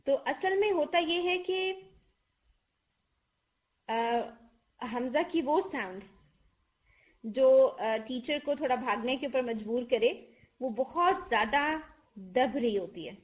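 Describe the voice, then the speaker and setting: Her voice sits high and expressive, broken by long pauses, as a woman patiently teaches tajweed in an online lesson. She speaks Urdu mixed with English and demonstrates the letter sounds aloud, while the audio comes through dull.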